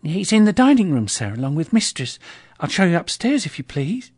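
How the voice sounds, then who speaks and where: A man's voice: on the high side, sing-song, a little fast, darkish tone, husky, no room sound, clean studio sound, voice pushed up. A man voicing a polite young housemaid who speaks deferentially.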